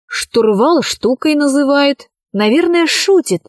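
A woman's voice: high voice, animated, takes it slowly, dry recording, studio quality, pitched above the performer's own voice. A woman voicing a brave, curious young girl in a storybook, asking startled questions in a raised voice. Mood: puzzled.

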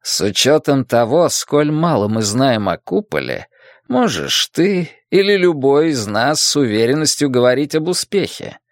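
A man's voice: medium pitch, very animated, a little slow, no echo, studio quality. A man voicing a domineering, scheming middle-aged male town boss in an audiobook. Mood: menacing. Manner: domineering and mocking.

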